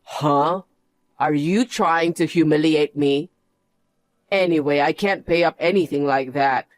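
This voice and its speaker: Man acting a whining cheating husband, higher-pitched, slow. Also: no echo, natural voice. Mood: panicked pleading. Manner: pleading, whiny. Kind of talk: dramatised story dialogue.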